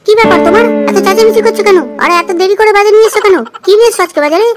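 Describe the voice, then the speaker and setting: Woman playing a shrill scolding housewife. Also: steady tone, racing, loud music behind the voice. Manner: scolding, nagging. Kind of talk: cartoon voice acting.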